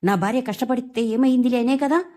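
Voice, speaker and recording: A woman's voice: a little high, fairly quick, pitched above the performer's own voice, natural voice. Woman doing a furious young husband. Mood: angry. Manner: scolding, shouting. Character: angry young husband defending his wife.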